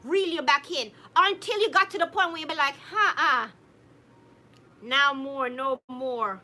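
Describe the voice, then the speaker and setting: A Jamaican woman with a very high, bright voice co-hosts a casual live stream, reading viewer comments at a measured pace. She's animated, laughs often, and addresses viewers by name.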